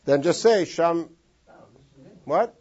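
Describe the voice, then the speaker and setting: Slow and slightly rough, this man's voice sits a little high as he teaches a text study in class. He comes from Los Angeles and animatedly draws phrases into long sung tones, recorded in dull lo-fi sound.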